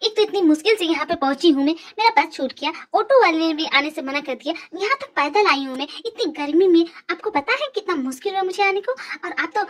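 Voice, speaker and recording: A woman's voice: very high voice, expressive, fairly quick, few pauses. A woman voicing a feisty, talkative young secretary in a fan dub drama, sassy and argumentative.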